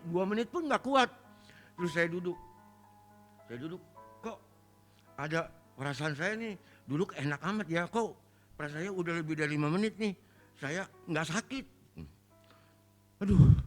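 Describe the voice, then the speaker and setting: A middle-aged man giving a spoken testimony in church, telling his story in a plain, emotional way. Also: fairly high pitch. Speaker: congregation member giving testimony.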